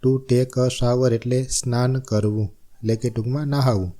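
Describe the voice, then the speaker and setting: A man's voice: mid-range voice, steady tone, normal speed, dark tone. A man with a Gujarati accent teaching a spelling lesson, spelling each word letter by letter and repeating its meaning. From Gujarat, India.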